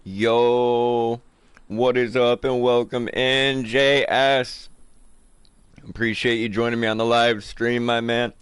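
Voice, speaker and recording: A man's voice: medium pitch, little pitch movement, slow pace, clean tone, no echo. A man streaming a survival game live, talking casually to viewers, saying dude and man and swearing freely.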